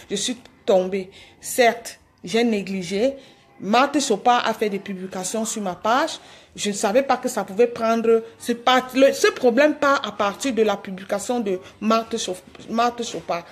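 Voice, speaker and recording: A woman whose voice is husky and on the high side pleads with her followers during a live video apology on her phone. She keeps repeating herself and hesitantly starting over.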